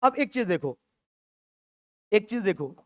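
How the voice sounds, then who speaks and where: A man's voice: high-pitched, sing-song, a little slow, no echo. Guy teaching physics at the board, jokey, hams up little dialogue bits, dry close sound. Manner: playful, acts out dialogue lines in a mock-dramatic voice. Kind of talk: lively classroom lecture. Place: classroom with a board.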